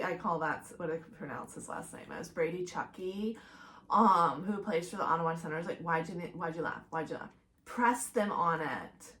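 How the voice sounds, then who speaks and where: A woman's voice: medium pitch, a bit bright. A middle-aged woman hosting a solo podcast, speaking casually and bluntly. She gets fired up and swears freely, and she peppers her sentences with "like" in a mid-range voice. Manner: fired-up, blunt and profane, heavy use of "like". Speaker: podcast host.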